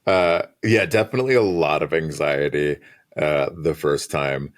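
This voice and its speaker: Very deep-voiced man, relaxed and reflective. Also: moderate pace. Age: 30s. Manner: relaxed, reflective, laughs often, many fillers like uh and like. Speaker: design manager and podcast guest. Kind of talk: casual conversational interview.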